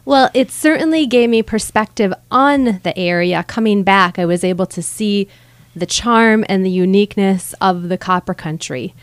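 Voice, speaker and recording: In a dry radio studio with no echo, a woman in her thirties from Michigan's Upper Peninsula speaks at a moderate pace and medium pitch. She's a guest author on a radio interview, talking earnestly with a touch of humor into a studio microphone.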